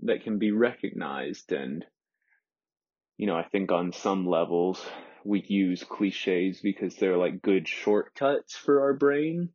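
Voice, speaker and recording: A twenty-one-year-old man in an introspective solo monologue, talking hesitantly and softly with many pauses, alone in a room, on a dull lo-fi recording. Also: low-pitched, animated, breathy edge. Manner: hesitant, soft-spoken, many pauses and fillers.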